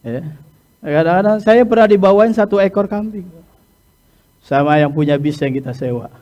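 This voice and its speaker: A middle-aged man giving a lesson to hajj pilgrims, talking in a lively way, often checking in with "ya" and chuckling, and sometimes acting out loud, high-pitched exchanges. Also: moderate pace. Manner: peppers talk with "ya" and chuckles. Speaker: hajj instructor. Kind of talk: religious lesson lecture.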